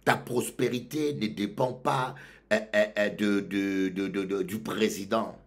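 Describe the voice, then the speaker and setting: A male pastor from Congo, preaching a sermon that swings from loud outbursts to low murmurs. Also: steady tone, a little slow.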